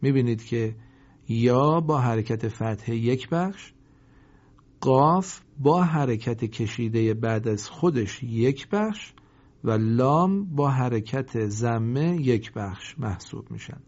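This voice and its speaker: A male teacher with a dark, mellow voice gives a recorded lesson. He explains at a brisk clip, then recites example words slowly and drawn out for the class to repeat. The recording sounds dull and lo-fi. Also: medium pitch, animated. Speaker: Quran reading teacher.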